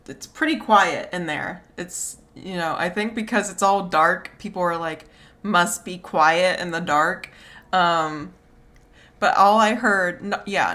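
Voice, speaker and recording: A woman's voice: on the low side, a bit bright. A woman chatting casually in a rambling, offhand, wry way, with a slight whistle on her S sounds. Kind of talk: casual chat. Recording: clear background noise.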